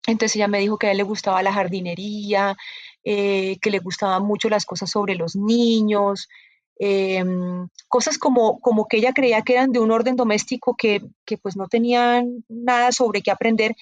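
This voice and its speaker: A woman's voice: medium pitch, moderate pace, no echo, lo-fi sound. A woman, a bookseller telling stories in an interview and acting out the dialogue. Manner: animated, acts out quoted dialogue in storytelling. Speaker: bookseller guest. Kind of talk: conversational storytelling interview.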